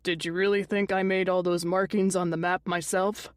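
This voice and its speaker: A woman's voice: fairly low pitch, flat delivery, moderate pace, dry recording, studio quality, lightly acted. A woman doing a sly, menacing uncle. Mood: sneering. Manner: smooth, wheedling, wry.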